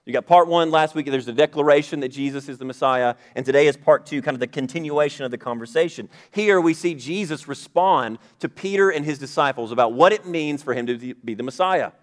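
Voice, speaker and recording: A man's voice: fairly high pitch, fairly quick, hardly any pauses. A man, a pastor, preaching a sermon in a conversational style, rising emphatically at key points.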